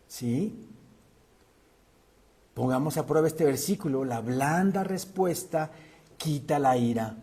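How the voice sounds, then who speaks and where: Slow-preaching man, slightly high voice. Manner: animated preaching, acting out quoted voices. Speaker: pastor. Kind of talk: sermon.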